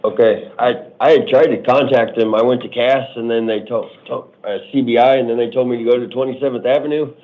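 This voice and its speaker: A man in his forties speaking as a defendant, explaining himself haltingly and spontaneously to a judge. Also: medium pitch, steady tone. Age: 40s. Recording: muffled phone-like courtroom audio.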